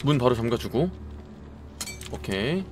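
A man's voice: mid-range voice, sing-song, a little slow, darkish tone, breathy edge, soft background music. A man giving live commentary as he plays a horror game, jumpy, exclaiming and muttering to himself.

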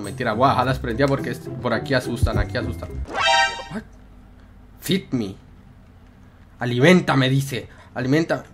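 A young man commenting on a horror game, jokey and acting scared, using plenty of slang. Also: mid-range voice. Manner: jittery, jokey, feigning fright, slangy. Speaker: gaming YouTuber. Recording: game music behind.

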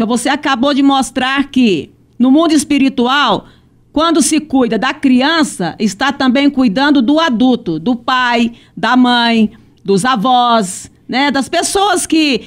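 A Brazilian woman moderates a church podcast with a fairly high voice. She affirms what her guests say and keeps tagging her lines with "né?". Her tone is conversational and encouraging. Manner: affirming, warmly interjecting "né?".

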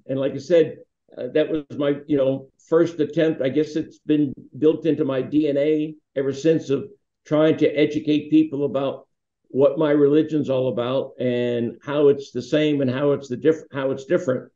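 Speaking from a home room with a wall hanging, this older foundation founder is interviewed over a video call webcam and slips into relaxed, rambling anecdotes full of fillers. His warm, medium-pitched voice stays steady at a moderate pace. The webcam audio sounds roomy and a little dull.

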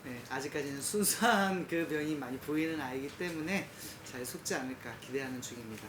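Thirties father, everyday mid-pitch voice, reverberant noisy room. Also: a little fast. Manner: polite and plain when interviewed, loud startled exclaiming during the prank. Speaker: father taking part in a prank. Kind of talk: casual interview, then excited reactions. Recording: echoey room with background noise.

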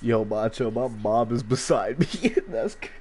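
A man's voice: medium pitch, lively intonation, measured pace, a little mellow, a little hiss or hum. Slangy swearing male streamer. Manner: slangy, swears a lot, chats with viewers. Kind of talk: casual gameplay commentary.

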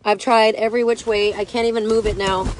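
Sitting under an open umbrella in a parked truck, a woman in her thirties films a casual vlog on a phone held at arm's length. Her slightly high voice stays level and moves fairly quickly, with a bit of hiss or hum, as she laughs, flustered and exasperated.

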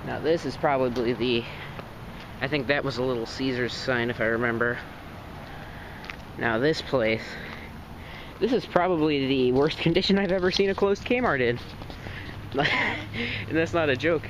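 A man's voice: medium pitch, moderate pace, pauses often. A man casually narrating as he walks around outside a closed store, thinking aloud and easily amazed. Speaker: vlogger exploring a closed store. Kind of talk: casual walkaround commentary. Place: outdoors by an empty store and parking lot. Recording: outdoor noise and traffic under the voice.

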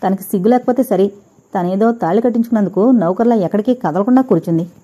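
A woman reading a dramatic audio novel, voicing every character's dialogue herself with gentle shifts. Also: medium pitch, quick pace, slightly rough. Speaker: audiobook narrator.

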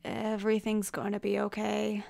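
A woman voicing a wounded young man who speaks in a soft, hushed voice to soothe someone. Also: medium pitch, completely flat delivery, measured pace, smooth, no room sound, lightly acted. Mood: hushed soothing.

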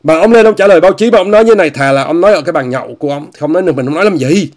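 A man's voice: on the high side, animated, racing, darkish tone. A man hosting an online commentary monologue, addressing viewers, repeating phrases and mocking what he discusses. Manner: repetitive, often repeats phrases and says "quý vị" often; scornful, mocking tone.

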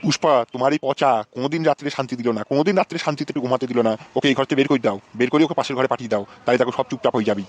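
A man's voice: mid-range voice, racing, hardly any pauses, close to an everyday voice. A man voicing a crude, hot-tempered cartoon father who curses and threatens his son. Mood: angry. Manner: cursing and threatening. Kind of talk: comic Bengali cartoon voice acting.

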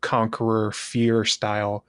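A man co-hosting a fan podcast, talking through ideas in a quick, wry, analytical way. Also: lowish voice, completely flat delivery, clear, resonant tone, dry recording, clean studio sound. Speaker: podcast co-host. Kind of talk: casual chat.

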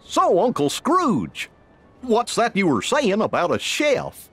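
An actor playing an easygoing, goofy dog sidekick with a husky drawl in an animated video game. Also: male voice, high-pitched, slow, soft background music, heavily acted. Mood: amiable, easygoing.

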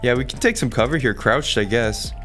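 Man doing casual gameplay commentary, slightly low voice. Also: brisk, over loud music. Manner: informal, exclamatory slang to viewers. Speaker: gaming video creator narrating his play.

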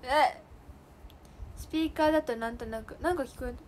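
A woman's voice: high-pitched, a little fast, slight background noise. A young woman chatting casually with viewers on a solo livestream, bubbly and giggly, indoors while heavy rain falls outside. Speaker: idol livestream host. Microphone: phone or streaming mic.

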